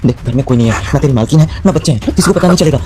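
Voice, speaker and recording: Man playing sleazy lying husband, smooth-talking, rapid-fire delivery, mid-pitched voice. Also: animated, background noise, lightly acted. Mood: leering. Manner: smooth-talking then defensive and stammering. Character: lecherous lying middle-aged husband. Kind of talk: acted family drama skit.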